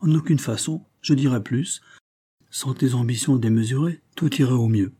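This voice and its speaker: A man's voice: medium pitch, moderate pace, mellow, breathy edge, close to an everyday voice. A man reading aloud and voicing a provocative, mocking young male swindler in a storybook. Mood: taunting. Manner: provocative, taunting, cool.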